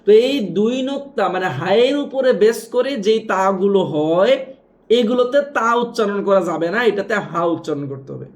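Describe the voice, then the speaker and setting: A man teaches Quran reading, spelling out letters and marks slowly, repeating them and quizzing his listeners. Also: sits high, expressive. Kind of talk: step-by-step spelling lesson.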